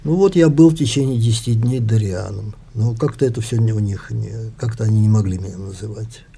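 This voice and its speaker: Author reading his own novel. Man with a low, dark, husky voice, measured and thoughtful, trailing off quietly. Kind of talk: unhurried literary reading and interview answers.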